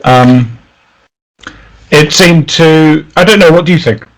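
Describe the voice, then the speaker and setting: A man's voice: on the high side, takes it slowly, rough recording. A man hosting an interview, rambling casually with many fillers before asking his question. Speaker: interviewer host.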